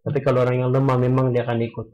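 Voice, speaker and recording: A man's voice: mid-range voice, completely flat delivery, a little mellow, low-quality recording. A young man, talking casually and earnestly about a personal experience, stopping often to restart his sentences. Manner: earnest, halting, many restarts, mixes English into Malay. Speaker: guest sharing experience. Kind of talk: casual podcast chat.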